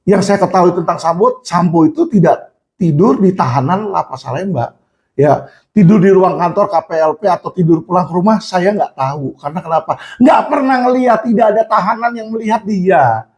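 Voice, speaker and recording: Emphatic man with a high voice. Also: animated, a little fast. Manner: emphatic, repeats "teman-teman" and "ya", acts out quoted people in raised shouts. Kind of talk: impassioned monologue to viewers.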